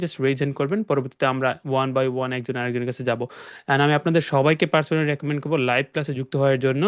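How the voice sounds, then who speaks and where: Brief: bangladeshi male english teacher on a video call, a bit high, smooth dry voice, mixes languages. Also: no echo. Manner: mixes Bengali and English, addresses students directly. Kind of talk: online class lecture.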